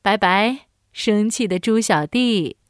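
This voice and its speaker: A woman voicing a calm, kind mother pig in a storybook. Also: medium pitch, slow, clear, resonant tone, no echo, studio quality. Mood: gentle. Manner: soft, soothing.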